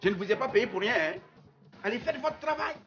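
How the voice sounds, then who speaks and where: An actor with a Burkinabè French accent, playing a flashy wealthy man who bosses hired women about loudly. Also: high voice, expressive, a little fast, highs cut off, faint music behind. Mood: scolding. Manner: loud, commanding, showy.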